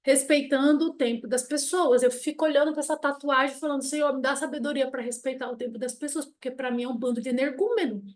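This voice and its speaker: Brief: middle-aged woman, high voice, animated storyteller, blunt and frank. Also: fast, few pauses. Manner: animated storytelling, acting out quoted people; blunt, self-mocking. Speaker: family constellation teacher. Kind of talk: casual spoken lesson.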